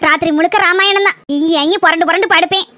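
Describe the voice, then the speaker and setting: A woman's voice: very high voice, fairly even intonation, racing, pushed and bright, no echo. A woman with a Kanyakumari Tamil accent voicing a worried, insistent village mother in a cartoon. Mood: weary. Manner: pleading, then domineering and scolding. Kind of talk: cartoon voice acting.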